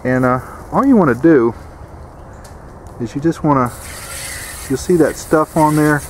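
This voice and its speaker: A man's voice: on the high side, measured pace, slight background noise. A man giving a plain-spoken, folksy how-to demonstration outdoors, repeating his warnings. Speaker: DIY home repair instructor. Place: outdoors beside an air conditioner unit.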